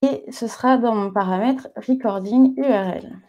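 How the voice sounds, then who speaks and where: At a tech conference, a woman gives a chatty, casual talk with a live coding demo, marking each step with little fillers like "hop" and "voilà". Her voice is fairly high with a dark tone, at a moderate pace, and the audio sounds dull.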